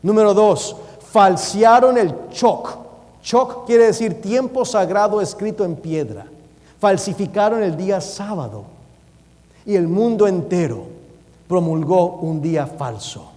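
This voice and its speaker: A man's voice: high-pitched, lively intonation, measured pace, dark tone. A man preaching a sermon in a church, urgent and emphatic, reading scripture aloud. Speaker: preacher and Bible teacher. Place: church sanctuary. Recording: long reverb of a church hall.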